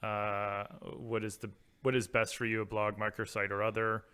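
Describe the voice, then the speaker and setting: A man's voice: lowish voice, level tone, moderate pace, bright, forceful tone, clean tone. A man co-hosting a podcast in casual chat, dry and matter-of-fact, leaning on numbers. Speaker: podcast co-host.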